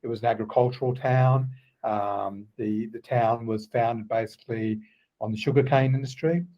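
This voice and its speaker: A man around sixty with an Australian accent, a guest telling stories in a relaxed, halting way with many ums. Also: medium pitch, lo-fi sound. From Queensland, Australia. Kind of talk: casual interview chat.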